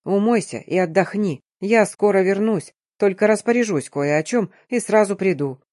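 A woman voicing a tired, gentle middle-aged father who is tender but firm with his daughter, in a low, soft, slow voice. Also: no echo, studio quality, natural voice. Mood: weary tender.

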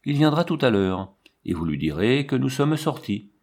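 A man voicing a cool, composed banker's wife who speaks with calm, dignified irony. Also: mid-range voice, normal speed. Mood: ironic. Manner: calm, dignified, quietly ironic.

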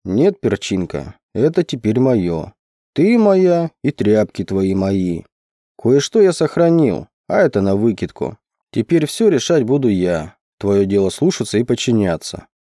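A man voicing a huge, gruff and domineering forest man who speaks slowly and low in commands. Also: sing-song, warm tone, dry recording, clean studio sound. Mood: growling. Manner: slow, low, growling commands.

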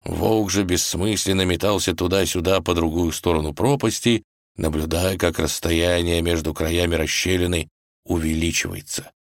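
A man narrating a fairy tale in an expressive, dramatic storytelling manner. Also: low-pitched, normal speed, dry recording, clean studio sound.

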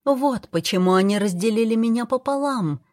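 A woman reading an audiobook, voicing the gentle, faintly bitter trapped soul of a death goddess in a raised, softer voice. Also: a little high, expressive, moderate pace, no echo, studio quality, pitched above the performer's own voice, close to an everyday voice. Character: soft kind ancient female death-goddess soul.

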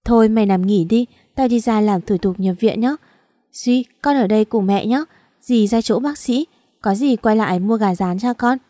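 A woman's voice: fairly high pitch, normal speed, warm tone, no room sound, clean studio sound, lightly acted. A woman voicing a loyal, worried young female best friend in an audio story, in an anxious, caring manner. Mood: reassuring. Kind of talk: audiobook dialogue.

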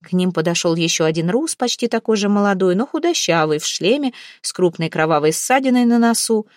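A woman reads an adventure novel aloud with expressive, lively storytelling. Her voice moves freely up and down. The recording is dry and close, with no room sound. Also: mid-range voice, fairly quick, dry recording. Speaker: audiobook narrator. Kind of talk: scripted narration of a historical novel.

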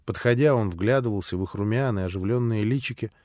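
A man narrating a classic novel as an audiobook, measured and expressive. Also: lowish voice, no room sound, studio quality. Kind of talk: scripted literary narration.

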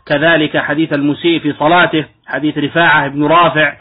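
A man's voice: fairly high pitch, little pitch movement, a little fast. A man, an Islamic scholar, giving a religious lecture on jurisprudence and explaining points patiently, at times demonstrating wrong pronunciations. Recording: tinny phone-like lo-fi audio.

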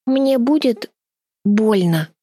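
A woman voicing a small girl in an audiobook, high and defiant, close to tears. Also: animated, brisk, a little mellow, no room sound, faint music behind, natural voice. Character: fierce defiant little girl. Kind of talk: audiobook character voice.

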